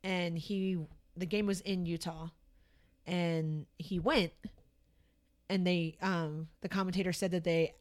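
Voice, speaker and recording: An American woman co-hosting a podcast, chatting casually with lots of fillers and sudden lively jumps in pitch. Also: takes it slowly. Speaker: podcast co-host. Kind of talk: casual chat.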